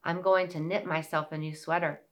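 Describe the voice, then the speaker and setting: A woman voicing a kind, smiling old woman who spins wool, speaking gently and softly. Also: sits low, flat delivery, moderate pace, natural voice. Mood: gentle. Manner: gentle, soft, warm-hearted.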